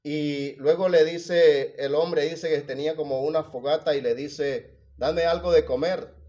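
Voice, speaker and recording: A man preaching a sermon, swinging from hushed, emotional passages to loud, rising appeals. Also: mid-range voice, lo-fi sound.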